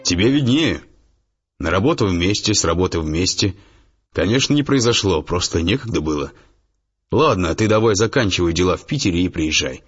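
A man's voice: deep voice, lively intonation, moderate pace, slightly rough. A man voicing an ironic middle-aged man who teases an old friend in a mocking, jovial way. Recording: dull lo-fi audiobook, faint music.

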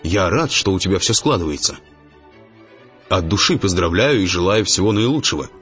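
A man's voice: low-pitched, expressive, normal speed, fairly bright tone. A man reading a mocking, ribbing old friend. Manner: mocking, jovial. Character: ironic middle-aged man teasing an old friend. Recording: dull lo-fi audiobook, faint music.

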